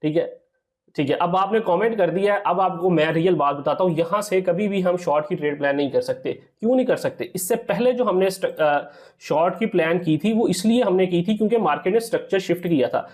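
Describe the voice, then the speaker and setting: Briskly explaining a trading strategy over a screen recording, a male trading teacher has a high voice with a darkish tone. He regularly calls viewers "sir" and checks in with "theek hai."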